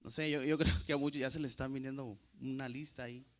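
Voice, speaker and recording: A man preaching a sermon to a congregation, calling them brothers and repeating key phrases slowly for emphasis. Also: medium pitch, fairly even intonation.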